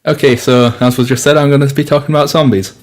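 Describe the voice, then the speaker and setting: A man's voice: mid-range voice, fairly even intonation, fast talker, soft background music. A young man co-presenting a radio science show, explaining loosely with lots of fillers and restarts. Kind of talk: casual science chat.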